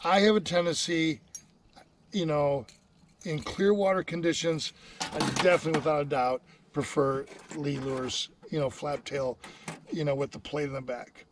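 An older man talks through fishing gear in a folksy, easygoing way, and his voice sits a little high. He is recorded outdoors on a small boat by an action camera, with steady noise behind him. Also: normal speed, distant mic. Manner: folksy, many "you know" fillers. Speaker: fishing guide. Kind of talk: casual instructional chat.

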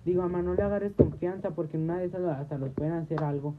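A woman's voice: on the low side, quick pace. A woman, hosting a livestream and telling a long story to her viewers, repeating and restarting her phrases. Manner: repetitive, restarts phrases, quotes herself often. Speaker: livestream host. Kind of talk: casual rambling storytelling to viewers. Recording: noisy tinny phone audio.

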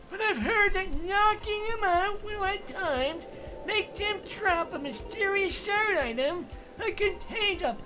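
Woman putting on a loud, shrill old man. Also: full character voice, rough recording. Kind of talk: reading game dialogue aloud in voices.

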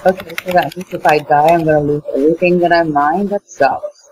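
Blunt middle-aged woman, lower voice. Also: steady tone, quick pace, darkish tone, poor audio. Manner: puzzled, blunt, mildly grumpy. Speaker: mother learning to play. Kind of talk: casual gameplay chat. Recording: faint background noise.

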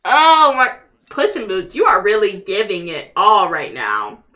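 A young woman casually commentating on a game as a live streamer and chatting with viewers, sweary and excitable. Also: mid-range voice, moderate pace. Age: young adult. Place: small room at home, indoors.

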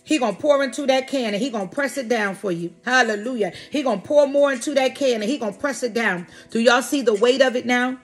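A woman preaching a lively sermon to her online congregation, repeating phrases, calling out to viewers by name and crying hallelujah. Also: fairly high pitch, fast, hardly any pauses, soft background music. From Philadelphia. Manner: repetitive, exclamatory, frequent hallelujahs and laughs.

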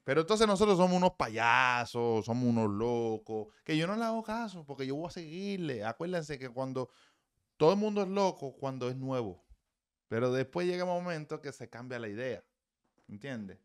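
A man's voice: mid-range voice, expressive, moderate pace, smooth. A man, a baseball hitting coach, giving blunt, profane, emphatic swing-analysis commentary.

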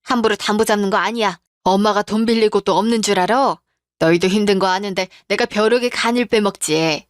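A woman's voice: mid-range voice, a little fast, no echo, clean studio sound, close to an everyday voice. A woman voicing a caring older mother who talks in a fussing, motherly way.

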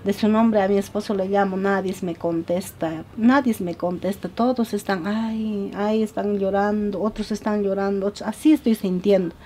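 A woman from Peru, giving a halting, earnest documentary testimony with many repetitions. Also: medium pitch, dark tone, a little hiss or hum. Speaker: interviewee.

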